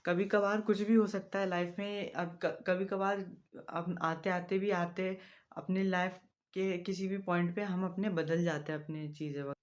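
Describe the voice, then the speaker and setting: Soft-spoken young man vlogging. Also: sits high, level tone, moderate pace. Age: young adult. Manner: soft-spoken, rambling, with frequent fillers. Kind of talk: casual vlog talk to camera.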